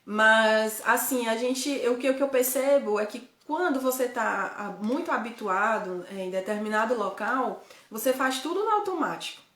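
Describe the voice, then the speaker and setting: A woman's voice: fairly high pitch, lively intonation, normal speed, hardly any pauses, fairly bright tone, roomy sound. Chatty woman with a Ceará accent. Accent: Northeastern Brazilian, Ceará. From Ceará, Brazil. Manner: chatty, frequent tag questions, self-correcting. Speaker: host, guide living abroad. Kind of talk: casual live chat to viewers.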